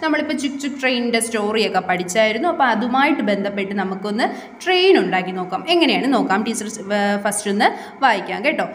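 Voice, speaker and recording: A woman, teaching young pupils in a recorded online English class and drilling each word slowly, twice over. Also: medium pitch, animated, slight background noise. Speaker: primary school English teacher. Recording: echoey room.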